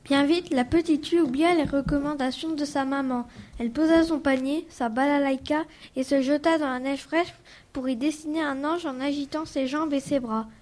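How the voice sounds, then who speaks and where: A woman reads a story aloud for a class radio show, plainly and carefully. Her voice is high. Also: normal speed, darkish tone.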